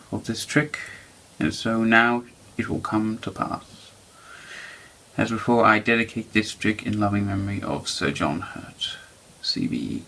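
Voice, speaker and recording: A man presenting a card trick to camera in halting, deliberate magician's patter, with a low, creaky voice. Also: a bit bright, poor audio. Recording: faint background noise.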